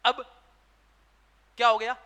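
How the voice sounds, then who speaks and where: A man's voice: takes it slowly, pushed and bright. A man teaching a classroom lecture with a Rajasthani Hindi accent, who keeps asking questions and answering them himself. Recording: long hall reverb.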